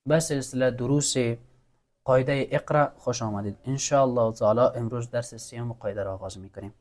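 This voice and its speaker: In call-and-repeat classroom drills, a man patiently teaches Quran recitation, sounding out letters for students to repeat and praising their efforts. He speaks at a medium pitch in a steady, darkish tone.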